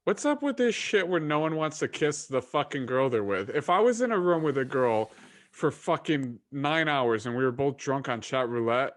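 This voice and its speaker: A man's voice: mid-range voice, sing-song, moderate pace. A man co-hosting a show, bantering crudely and teasing strangers on video chat. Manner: joking, profane, teasing strangers. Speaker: podcast co-host.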